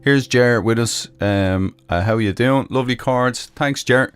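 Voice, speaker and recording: A mid-range, slightly slow male voice with a clean tone belongs to an Irish-accented live music stream host. He chats casually from a home room in Michigan with many ums and uhs, speaking into a close microphone.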